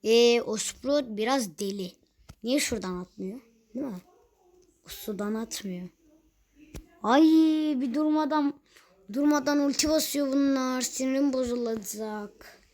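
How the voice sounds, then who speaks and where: A woman's voice: fairly high pitch, unhurried, darkish tone. Chatty young woman narrating her gameplay. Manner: chatty, exasperated, teasing. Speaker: gaming youtuber. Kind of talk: casual gameplay commentary.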